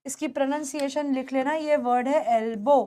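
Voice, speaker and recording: High-voiced Indian woman teaching English. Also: steady tone, mellow. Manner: explains in Hindi mixed with English, repeats words slowly for pronunciation. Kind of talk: spoken English lesson for beginners.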